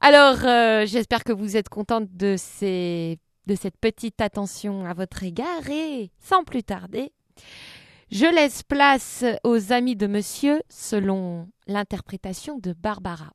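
A woman's voice: medium pitch, expressive, slow, no echo, clean studio sound. A woman hosting a comic radio show, telling a story in a playful, mock-earnest way.

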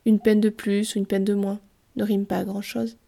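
A woman's voice: mid-range voice, little pitch movement, normal speed, vocal fry, dark tone. A woman voicing a sullen, grumpy young boy in a storybook reading. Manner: sullen and curt.

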